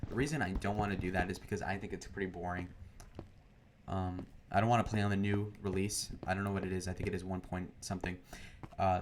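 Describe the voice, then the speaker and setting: Heavy noise sits behind this young male gamer's deep, monotone voice as he records rambling commentary for a gaming video. He meanders constantly, filling gaps with fillers and starting sentences over.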